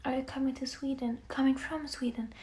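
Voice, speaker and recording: A young Norwegian woman with a Norwegian accent, chatting softly on a livestream while she paints, often slipping into near-whispers. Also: high-pitched, steady tone, a little fast. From Norway. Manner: soft-spoken, often drifting into near-whispers. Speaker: musician live-streaming to fans. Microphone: phone. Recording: echoey room with faint background hiss.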